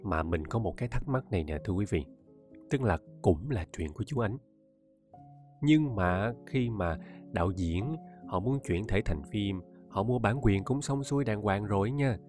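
Southern vietnamese man, audiobook narrator, low-pitched, chatty, faint music behind. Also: expressive, normal speed. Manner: chatty, addresses listeners often, laughs often. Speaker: audiobook narrator and podcast host. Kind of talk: casual monologue to listeners.

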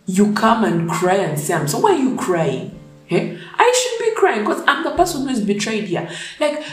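A woman's voice: lowish voice, echoey room, rough recording. A young woman who is sick and whose voice is off rants bluntly and profanely in a casual opinion vlog. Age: young adult. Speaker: vlogger.

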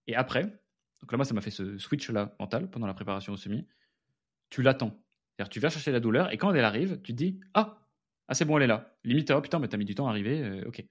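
A French man hosting a casual solo podcast, talking candidly and chatting straight to his listeners as friends. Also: medium pitch. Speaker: podcast host and founder.

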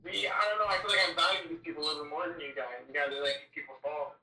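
A man's voice: on the high side, fairly even intonation, very fast, bright, forceful tone, far from the mic. A man joking and trash-talking while making his football draft picks on a casual podcast. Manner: joking, playful trash talk. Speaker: mock draft panelist. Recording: roomy sound from off mic.

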